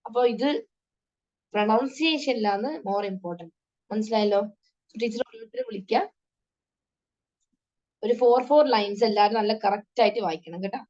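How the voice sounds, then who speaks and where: A woman's voice: mid-range voice, moderate pace, pauses often, a little mellow, highs cut off. A woman tajweed teacher giving an online class to children, patiently sounding out syllables one at a time.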